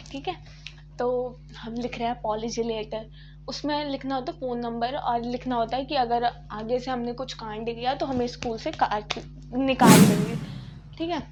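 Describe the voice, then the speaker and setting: A young adult woman telling a casual storytime, blunt and slangy in an animated way. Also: on the high side, moderate pace, muffled recording. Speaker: vlogger. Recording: clear background noise.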